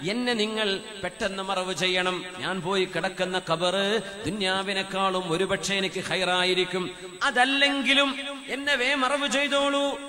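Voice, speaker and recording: A man preaching a sermon, chanting Arabic quotations in a sung tone. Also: sits high. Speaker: Islamic preacher. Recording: long reverb, crowd heard behind.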